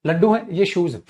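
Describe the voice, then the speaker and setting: A man teaching English grammar in an online class, calling students "beta" and repeating key terms, acting out little scenes with students and their mothers. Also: sits high. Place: streaming class, checking live comments.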